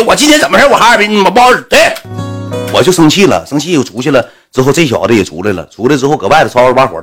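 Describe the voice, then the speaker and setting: A man's voice: mid-range voice, slightly rough. A man telling a casual anecdote, acting out the dialogue as he goes. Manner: animated, acts out the quoted dialogue. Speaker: storyteller.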